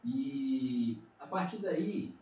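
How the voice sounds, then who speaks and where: Speaking in a warm, animated way and drawing out his words, a middle-aged Brazilian pastor with a Minas Gerais accent shares an earnest testimony in a casual podcast conversation, leaning often on tag questions. His voice is mid-range, and the lo-fi sound comes from a distant mic in an echoey room with faint noise.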